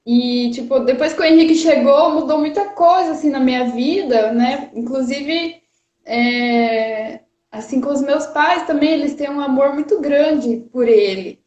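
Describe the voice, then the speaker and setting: A high-pitched woman in her thirties from Rio de Janeiro, with a Paraná Brazilian Portuguese accent, guests on a casual livestream from her parents' house. She's nervous and chatty, laughing often and using many fillers, speaking unhurriedly in a darkish tone. Her phone sits on a charger, making the audio muffled and roomy.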